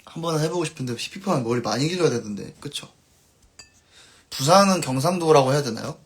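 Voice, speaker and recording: A man, a band musician, chatting casually on his live stream and reading viewer comments aloud, his sentences trailing off softly at the ends. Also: on the high side, lively intonation, fast, husky.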